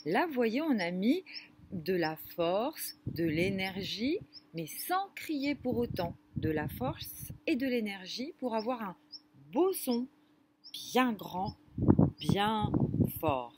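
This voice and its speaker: A woman leading a children's music lesson, speaking gently and didactically straight to the kids. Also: mid-range voice, big pitch swings, background noise. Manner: gentle, slow and didactic, addressing children directly. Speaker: music teacher for young children.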